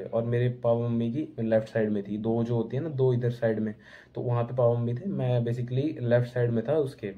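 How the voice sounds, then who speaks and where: A young man telling a rambling, casual travel story to camera from home. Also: medium pitch. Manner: chatty, rambling, keeps saying bhai. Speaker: travel vlogger. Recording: tinny phone-like sound.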